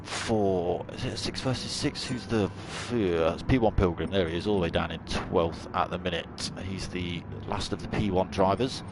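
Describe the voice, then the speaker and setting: A deep male voice at normal speed, hardly pausing at all, delivers live commentary on an online race. The streamer keeps things chatty and cracks dad jokes between updates, with racing car engines and loud track noise in the background.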